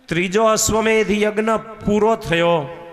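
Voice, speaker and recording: A man preaching, telling a scripture story in a measured, sing-song way, recorded in a reverberant hall with faint music. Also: high-pitched, steady tone. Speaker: katha preacher.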